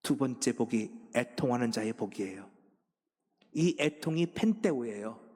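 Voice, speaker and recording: A man preaching a sermon as senior pastor, swinging from hushed pleading to loud, emphatic exhortation. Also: mid-range voice, animated, unhurried. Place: church sanctuary. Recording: long reverb of a church sanctuary.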